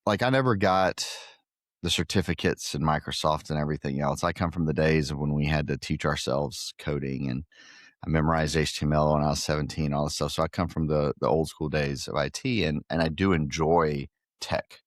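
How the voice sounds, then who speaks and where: Speaking fairly quickly in a rumbling low, steady voice, a middle-aged man from Guatemala, a pickleball facility owner, gives an earnest casual podcast interview full of fillers and restarts. The recording is dry and cleanly studio-sounding.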